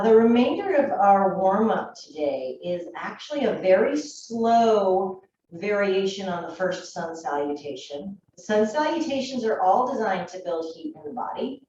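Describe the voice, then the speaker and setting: A woman in her thirties guiding a yoga class in a calm, gentle voice, still a little froggy in the morning and clearing her throat now and then. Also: medium pitch, unhurried, slight background noise. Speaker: yoga teacher. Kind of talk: guided yoga class instruction. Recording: dull, echoey room from a distance.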